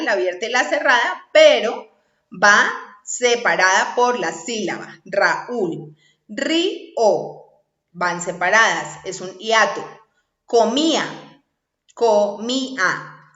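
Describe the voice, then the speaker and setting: Woman instructor, methodical explainer, bright voice, slightly muffled echoey recording. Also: medium pitch. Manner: slow, explanatory, checks in with "¿sí?" and "¿listo?". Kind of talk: recorded online lesson. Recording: echoey room, slightly dull sound.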